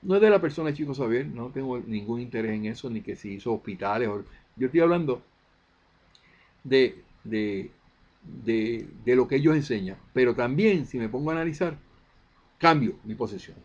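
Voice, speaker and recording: A man's voice: mid-range voice, animated, moderate pace, darkish tone. Man, mid-range voice, emphatic monologue, asks and answers his own questions; slightly muffled recording. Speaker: spiritist video presenter. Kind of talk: impassioned monologue.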